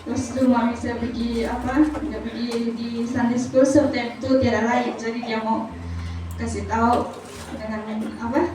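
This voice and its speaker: A woman tells her testimony in a soft, halting way, with many pauses. Her voice sits high, and it reaches the mic from a distance. The hall around her rings with heavy echo, and there is a clear noisy hum behind her. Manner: soft, hesitant storytelling with pauses. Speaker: church member giving testimony. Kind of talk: personal testimony at a church service. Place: church hall. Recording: very echoey hall, voice from far off, noisy.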